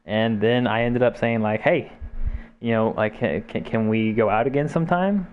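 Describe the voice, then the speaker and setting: A man's voice: medium pitch, normal speed, narrow, tinny audio, slight background noise. A young man in casual chat over a game, rambling with lots of fillers, restarts and swearing. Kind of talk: casual chat while gaming.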